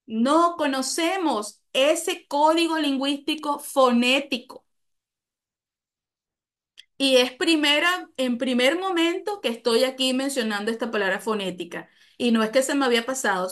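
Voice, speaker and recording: A woman with a Venezuelan accent giving a live online talk, explaining patiently, repeating key phrases and asking her audience questions. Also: high voice.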